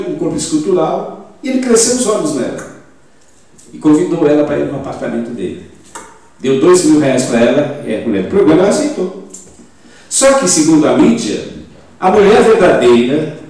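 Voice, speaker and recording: A man in his seventies with a Brazilian accent, preaching a sermon with emphatic loud rises and rhetorical questions. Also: fairly high pitch. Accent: Brazilian Portuguese. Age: 70s. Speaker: pastor. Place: church in Portugal. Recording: very echoey church hall, mic at a distance.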